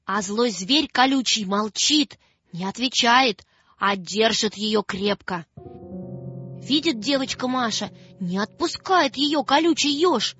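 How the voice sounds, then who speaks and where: A woman narrating a children's story in a dramatic, expressive reading style. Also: on the high side, slow, breathy edge, no room sound. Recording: dull lo-fi sound with faint music.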